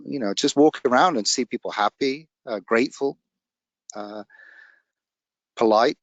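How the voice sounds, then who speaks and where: A man's voice: medium pitch, a little slow, dry recording, dull audio. A man speaking as a guest in casual chat, telling stories in an earnest, reflective way.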